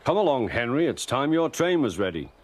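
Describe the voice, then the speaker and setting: A man's voice: medium pitch, big pitch swings, brisk. A man narrating a children's story, his words spliced together from separate clips.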